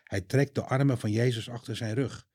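A man telling a children's Bible story in a calm, clear way. His voice is mellow and slightly husky, and the recording is dry and close with no room sound. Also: medium pitch, normal speed, no echo.

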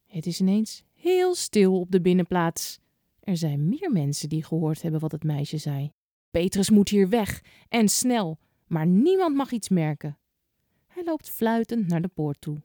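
A woman tells a children's Bible story, building suspense with a voice that moves widely in pitch. Her tone is warm and mellow, and the sound is dry and close. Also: very animated, measured pace, no echo.

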